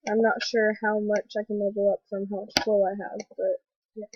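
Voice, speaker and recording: A young woman with a stuffy cold voice hosting a casual gaming commentary vlog, rambling excitedly with lots of fillers. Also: medium pitch, moderate pace, noisy background. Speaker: gaming video host. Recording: dull lo-fi voice recording.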